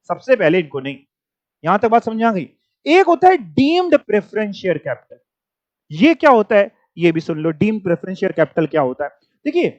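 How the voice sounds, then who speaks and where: A male teacher giving a lecture who reads English definitions slowly and then explains them in Hindi, asking his class quick questions. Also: high voice. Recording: dull lo-fi recording.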